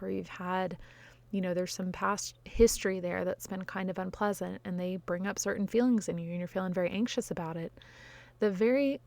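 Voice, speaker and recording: A woman's voice: medium pitch, darkish tone, no echo. A woman life coach giving frank, conversational advice straight to her viewers, often tagging her points with "you know" and "right?". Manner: frank, occasionally swears. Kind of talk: direct-to-camera advice talk.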